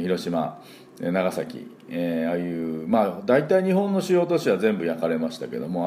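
A man's voice: deep voice, warm tone, a little hiss or hum. A man, an English teacher and school principal, giving a casual spoken radio lesson, chatty with many fillers and modeling pronunciation aloud.

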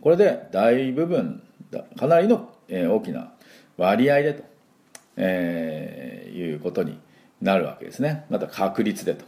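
Man from Japan, English pronunciation lesson, low mellow voice, lively rise and fall, drawn-out model words. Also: gravelly. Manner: slow, drawn-out model words for the listener to repeat. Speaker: English teacher.

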